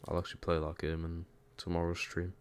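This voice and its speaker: A young man from Newcastle, England talks in a deep, monotone voice, a little fast, with his Geordie accent clear. He's casually commentating a streamed football game and reading chat, and there's a little hiss or hum in the audio.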